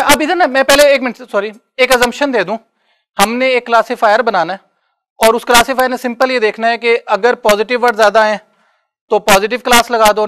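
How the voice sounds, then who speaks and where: A man's voice: very high voice, fairly bright tone, clean tone. Male lecturer, talks casually to a class, keeps asking if they follow. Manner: conversational, checks understanding often. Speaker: university lecturer. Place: classroom with students.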